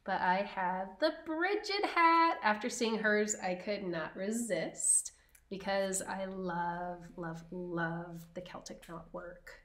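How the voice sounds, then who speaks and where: A woman co-hosting a podcast, chatting casually and slowly about her knitting with frequent ums. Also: mid-range voice, a bit bright, echoey room. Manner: slow, chatty, many ums. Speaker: podcast co-host.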